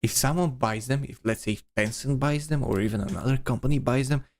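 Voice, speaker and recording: A man's voice: medium pitch, fairly quick, vocal fry. A man streaming, giving rambling casual commentary with many restarts and repeated words.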